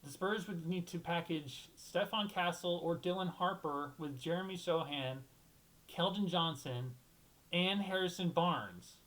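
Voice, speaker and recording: A man's voice: fairly high pitch, measured pace, a bit bright, rough recording. A young man hosting a solo basketball talk show, rambling and thinking aloud, restarting sentences and swearing casually.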